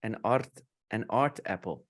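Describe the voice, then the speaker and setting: South african guy hosting a chat, lowish voice, joking around teaching slang. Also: lively intonation, measured pace. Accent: South African English. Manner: playful, teaching slang with a laugh. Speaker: host. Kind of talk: casual interview chat.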